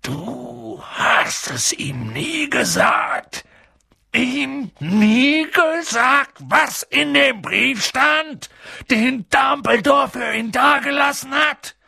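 A man reads out a huge, gruff giant whose voice jumps high and wild as he bellows in outrage. The sound is gravelly and husky, recorded close and dry, with no room around it. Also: sing-song, takes it slowly, fairly bright tone, no echo, heavily acted. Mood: outraged. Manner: booming, bellowing outbursts. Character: huge gruff male giant, booming, quick-tempered. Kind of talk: audiobook character voice.

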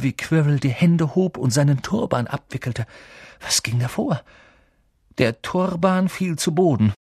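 A man reading an audiobook aloud in an expressive, dramatic storytelling manner. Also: a little high, husky, no room sound, clean studio sound. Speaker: audiobook reader. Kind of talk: scripted audiobook narration.

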